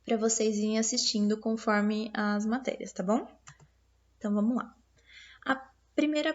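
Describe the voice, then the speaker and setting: A woman's voice: fairly high pitch, a little mellow, dull audio. A woman teacher with a Brazilian Portuguese accent, patiently explaining a lesson review to her pupils step by step, with many fillers and tag questions. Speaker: primary school teacher.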